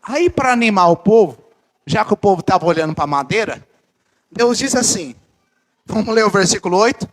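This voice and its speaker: At a church service, a pastor preaches a fervent sermon to his congregation, calling them brothers. His voice sits high and swings up and down, animated but at normal speed.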